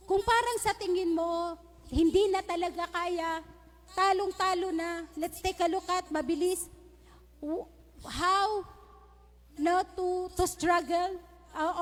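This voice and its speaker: High-voiced woman pastor preaching in a hall. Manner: humorous storytelling mixed with Taglish preaching. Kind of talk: sermon. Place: church hall. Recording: long reverb of a church hall.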